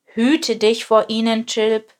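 A woman's voice: mid-range voice, a little slow, breathy edge. A woman voicing a wise old male lion who grumbles and speaks solemnly.

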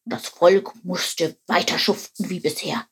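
A woman's voice: fairly low pitch, steady tone, measured pace, breathy edge. A woman voicing a know-it-all male frog who tells the story in a matter-of-fact, slightly smug way.

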